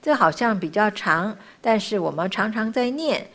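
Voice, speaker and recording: A woman teaching the pronunciation of Buddhist chants, patiently chanting each syllable slowly between short explanations. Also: medium pitch, lively intonation, fairly bright tone.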